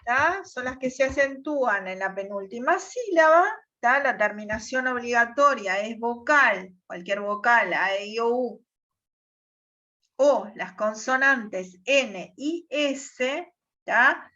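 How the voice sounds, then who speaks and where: A woman teacher explains step by step on a video call, pausing often to check that the class follows. Her voice sits high and her pace is unhurried. The audio is dull and lo-fi. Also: lively intonation, sharp tone. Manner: patient, repeats "¿tá?" checks.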